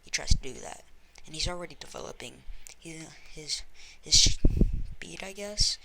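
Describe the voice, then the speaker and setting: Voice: mid-range voice, unhurried, heavy background noise. A speaker casually retelling a fan story, rambling along in long chains of "and then" with many restarts.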